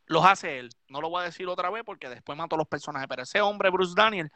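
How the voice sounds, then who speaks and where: A man's voice: high voice, brisk, bright, forceful tone, no room sound. Drunk, ranting Puerto Rican man. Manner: profane, heated, repetitive ranting. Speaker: DJ and live stream host. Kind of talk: ranting live stream chat.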